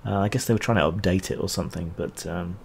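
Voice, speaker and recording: A man's voice: sits low, fast, creaky, husky. A man answering chat questions on a casual livestream, rambling and hesitant with dry asides.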